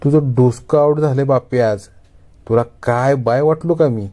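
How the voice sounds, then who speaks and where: A man voicing a brash young village man in a story, gruff and scolding. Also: medium pitch, measured pace, warm tone, voice pushed up, close to an everyday voice.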